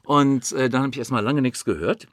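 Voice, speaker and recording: A man's voice: medium pitch, a little fast, slight background noise. An older man, a former news anchor and actor, telling anecdotes as a podcast guest, acting out the voices he quotes and often adding "ne?". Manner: animated, acts out quoted voices, frequent "ne?". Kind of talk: casual anecdotal storytelling. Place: podcast studio.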